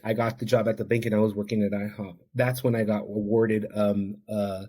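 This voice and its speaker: An addiction counselor whose first language is Spanish tells his own story as a podcast guest, sounding earnest, heartfelt and reflective. His voice is lowish with a dark tone, and he speaks fairly quickly with a flat delivery.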